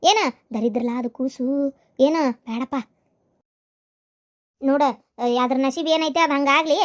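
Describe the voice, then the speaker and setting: A woman voicing a scolding mother-in-law in a cartoon, with a North Karnataka accent and a sharp, nagging way of talking. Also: high-pitched, measured pace. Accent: North Karnataka Kannada.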